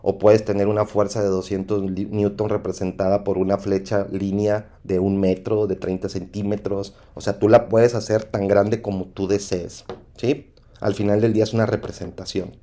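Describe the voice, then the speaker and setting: A man with a Mexican accent teaching an engineering lesson over slides, often pausing with "¿sí?" to check understanding. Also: fairly low pitch, little pitch movement, dark tone. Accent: Mexican Spanish. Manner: repetitive, asks "¿sí?" to check understanding. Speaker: engineering instructor.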